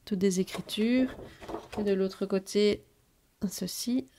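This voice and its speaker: A woman showing off her scrapbooking purchases in a casual haul video, talking slowly and hesitantly with many fillers. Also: medium pitch, steady tone, mellow, slight background noise.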